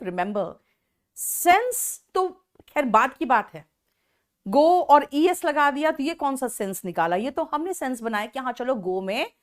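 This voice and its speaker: A woman teaching an online English class, explaining slowly in Hindi mixed with English and praising students by name. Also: on the high side.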